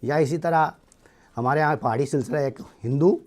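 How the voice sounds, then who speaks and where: A man's voice: on the high side, a little mellow. A middle-aged man with a Pakistani accent teaching a class, explaining step by step and checking that his students follow. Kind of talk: classroom lecture.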